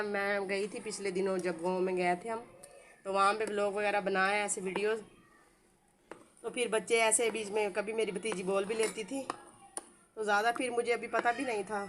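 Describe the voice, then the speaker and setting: A woman's voice: mid-range voice, a bit bright, a little hiss or hum. Chatty homely Pakistani woman cooking. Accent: Pakistani Urdu, village Saraiki-like dialect. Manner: chatty, homely, rambling asides. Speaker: home cooking vlogger. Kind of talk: casual cooking tutorial chat.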